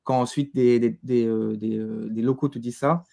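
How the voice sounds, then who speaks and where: Speaking as an interview guest, a man with a medium pitch and a mellow voice shows vocal fry and fairly even intonation. He halts as he talks, conversationally repeating words until he finds the right phrase.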